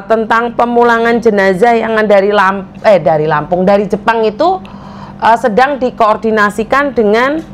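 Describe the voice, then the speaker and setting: A woman's voice: a little high, a little hiss or hum. A woman hosting a live stream, talking to viewers and pressing commenters with repeated demands. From Indonesia. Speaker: livestream host.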